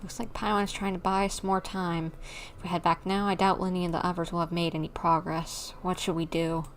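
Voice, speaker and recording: Playing on a livestream, this woman keeps up light, playful banter and speaks the dialogue options out loud. She talks fairly quickly in a fairly low, flat voice.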